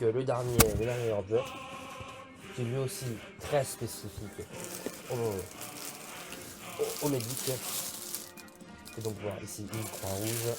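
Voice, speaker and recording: A young man presenting an unboxing video in a casual, hesitant way, with many fillers. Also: medium pitch. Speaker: YouTuber unboxing militaria. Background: background music.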